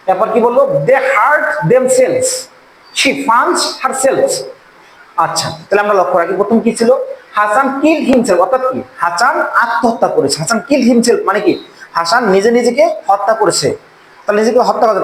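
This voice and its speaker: A man giving a classroom-style grammar lesson as an English teacher. He repeats key points and keeps asking the class questions. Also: sits high. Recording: echoey room with faint background noise.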